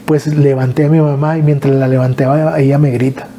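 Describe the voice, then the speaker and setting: Northern Mexican man, earnest halting storyteller, warm dark voice, faint noise behind. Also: medium pitch, little pitch movement. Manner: earnest, halting, with repeated restarts. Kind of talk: emotional personal storytelling.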